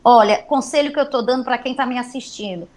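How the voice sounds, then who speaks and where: Lively woman storyteller. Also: a little high, fairly quick. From Brazil. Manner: lively storyteller who acts out dialogue. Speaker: business trainer and consultant. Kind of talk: webinar storytelling.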